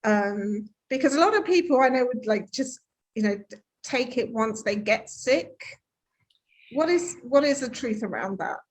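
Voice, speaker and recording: A woman hosts a relaxed interview, asking follow-up questions. Her voice sits a little high, and she has a teasing, familiar way of talking. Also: moderate pace, low-quality recording. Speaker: host. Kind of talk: casual interview.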